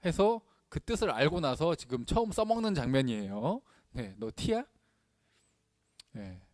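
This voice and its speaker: A male pastor delivers a sermon with a lively, swooping pitch and a slightly high voice. He talks in a chatty way and acts out quoted lines in changing voices. The sound is dry and close. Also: normal speed, no echo.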